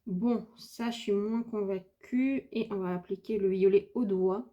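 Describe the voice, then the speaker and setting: A woman's voice: medium pitch, fairly even intonation, a little slow, warm tone, lo-fi sound. A woman from France chatting casually through a makeup tutorial, hesitant and thinking aloud with lots of fillers. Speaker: beauty vlogger.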